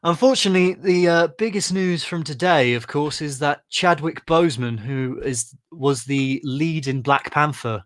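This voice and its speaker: A man's voice: fairly high pitch, moderate pace, few pauses, no room sound. Chatty English man co-hosting a podcast. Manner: chatty, laughs often, self-deprecating. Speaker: podcast co-host. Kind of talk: casual chat.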